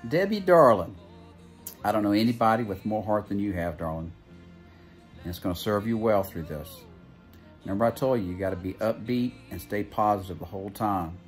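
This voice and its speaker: A man's voice: on the low side, a little fast, soft background music. A man leaving an encouraging video message to a friend.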